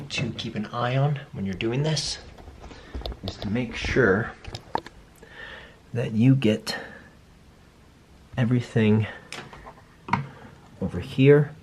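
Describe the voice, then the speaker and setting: Young guy with a low voice, chatty and a bit self-deprecating, talking through his pc build, light background noise. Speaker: vlogger building a PC. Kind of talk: casual hands-on walkthrough.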